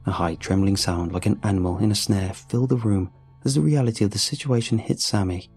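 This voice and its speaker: A man narrating a horror story in a low, gravelly, dark-toned voice. He reads slowly and deliberately, keeping his delivery hushed. Faint music plays behind him.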